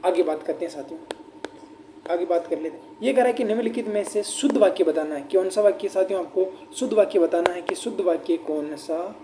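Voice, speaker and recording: A male teacher, talking students through an exam paper, asking rhetorical questions and slowing down to dictate examples. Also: high-pitched, noisy background. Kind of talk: exam paper answer walkthrough.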